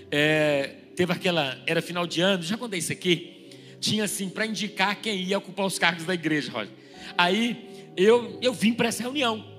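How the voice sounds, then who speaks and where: Male pastor, forties, church sermon, fast and joking, bright high voice, faint music underneath.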